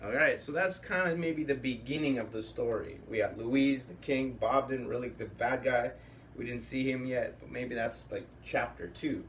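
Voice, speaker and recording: Here a man running a puppetry workshop talks at normal speed in a mid-range voice with a fairly bright tone. His hosting is loose and improvised, drifting as he thinks aloud, and the recording comes from a distant mic with a little room noise.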